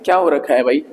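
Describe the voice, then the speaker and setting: A male teacher giving a vocabulary lesson, repeating each word slowly for pronunciation and often adding quick check-in tags. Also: fairly high pitch, darkish tone. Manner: peppers speech with "isn't it" tags. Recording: long hall reverb.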